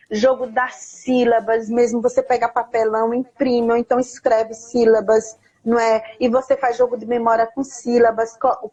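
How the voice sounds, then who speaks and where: A woman speaking earnestly and encouragingly on a live video call, giving parents advice and reading scripture slowly. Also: on the high side, a little mellow, breathy edge, muffled recording. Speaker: invited guest speaker. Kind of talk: casual live chat with teaching tips. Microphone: phone or laptop on a live video call.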